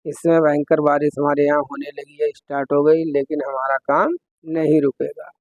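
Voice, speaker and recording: Man, teacher, exam-prep lesson, fairly high voice, step-by-step questions, dry close mic. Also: flat delivery, moderate pace, no echo, rough recording. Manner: explains step by step, asks the listener questions.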